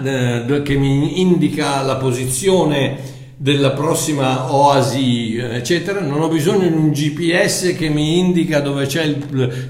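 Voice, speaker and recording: Male preacher, slightly high voice, loose conversational sermon with restarts, echoey room. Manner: conversational, repeats words while searching for them.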